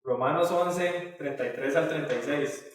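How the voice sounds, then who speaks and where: A man's voice: a little high, a little slow, recorded from a distance. Man teaching a Bible study in an echoey hall. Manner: conversational, frequent filler tags and restarts.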